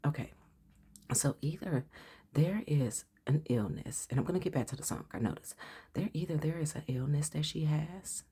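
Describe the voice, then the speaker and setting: A woman giving a casual, chatty tarot reading. She calls the listener honey and often drops into soft whispers. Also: very deep voice, breathy edge. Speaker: tarot reader.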